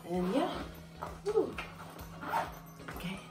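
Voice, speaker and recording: A woman's voice: medium pitch, very animated, very slow, low-quality recording. A young woman chatting casually to her phone camera as a vlogger, upbeat and poking fun at herself. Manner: chatty, upbeat, self-mocking. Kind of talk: casual vlog chat. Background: background music.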